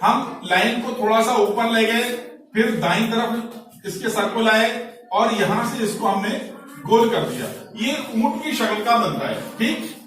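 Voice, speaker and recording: A man's voice: high-pitched, animated, fairly bright tone. A man teaching Urdu letters in a classroom, explaining patiently and often checking "ठीक है?". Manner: slow, explanatory, repeats each letter with example words and checks "ठीक है?". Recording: very echoey room, mic far off, faint noise.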